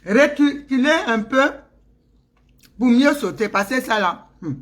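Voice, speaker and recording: A woman's voice: on the high side, expressive, slow. A middle-aged woman with an Ivorian French accent, ranting in a casual, teasing way and laughing often. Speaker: vlogger. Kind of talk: casual mocking rant.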